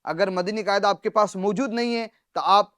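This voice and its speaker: A man's voice: high voice, steady tone, a bit bright, smooth, no room sound, clean studio sound. Earnest preaching male Quran teacher. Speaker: Quran recitation teacher and TV host. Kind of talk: televised religious lesson.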